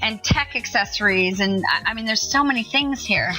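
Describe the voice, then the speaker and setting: A middle-aged woman works as a home shopping host, chatting enthusiastically about a product. Her voice is fairly high and very bright, with a gushing delivery. Faint music plays underneath. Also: moderate pace, low-quality recording.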